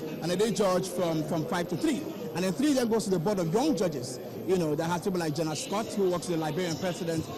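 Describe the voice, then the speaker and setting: A Nigerian-accented man with a high voice gives explanatory interview answers. His phrasing is hesitant and filler-laden, and a crowd is clearly audible behind him. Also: rough recording. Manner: hesitant, peppered with "you know". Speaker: event co-founder, interviewee. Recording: crowd noise at live event.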